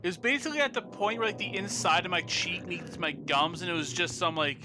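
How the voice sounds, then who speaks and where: High-voiced rambling male streamer. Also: noisy background. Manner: rambling, filler-heavy, reads in-game text aloud haltingly. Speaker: player streaming a horror game. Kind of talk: casual live-stream chat.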